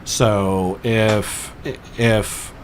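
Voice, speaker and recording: A man's voice: lowish voice, level tone, drawn-out words, slight background noise. A man, a psychology professor, explaining his field as a radio guest in a lecturing way, often restarting words. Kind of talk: explanatory interview talk.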